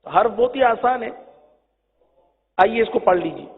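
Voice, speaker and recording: A man teaching Quran recitation, slowly stretching and chanting each syllable for his students to repeat. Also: high voice, animated. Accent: Pakistani Urdu. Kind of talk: slow drilled letter-by-letter teaching. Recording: tinny phone-like sound with long reverb.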